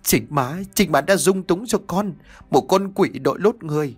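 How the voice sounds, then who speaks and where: A man's voice: on the high side, moderate pace, husky, soft background music, voice pushed up. A man reading a storybook voices a middle-aged mother who tearfully pleads with her son. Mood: pleading. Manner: pleading, sobbing confessions.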